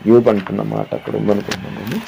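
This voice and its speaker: A man's voice: lowish voice, level tone, very fast, vocal fry, dark tone, slight background noise. A man pastor preaching a sermon who asks the listeners questions, repeats his phrases and sings hymn lines. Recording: dull lo-fi audio with faint background.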